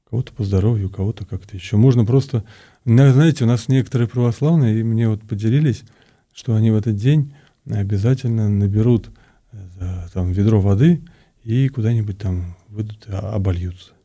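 A man's voice: fairly low pitch, fairly quick, mellow. A man, a priest being interviewed, explains things conversationally, often repeating words and searching for his phrasing. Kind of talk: conversational explanation, answering questions.

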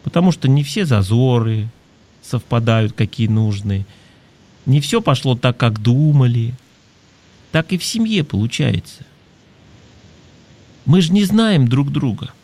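With a mellow, medium-pitched voice and lively intonation, a man hosts an advice show, reading listeners' messages at a measured pace broken by long pauses. He's reflective and conversational, explaining things and throwing out rhetorical questions.

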